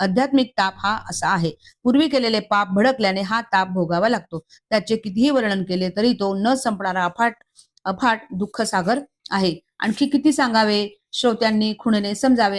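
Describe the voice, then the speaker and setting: A woman reads a devotional text aloud at an even, measured rate. Her voice sits in an ordinary middle register. She works through a long list with small slips and restarts. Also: mid-range voice. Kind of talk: reading a Marathi scripture commentary aloud.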